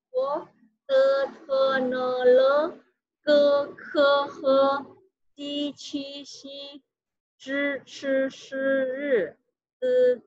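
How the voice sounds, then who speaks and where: A woman's voice: mid-range voice, fairly bright tone, slightly rough, dry recording, dull audio. A woman teaching a Mandarin lesson, patiently asking the class questions and answering them herself. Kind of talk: classroom lesson explaining Chinese characters.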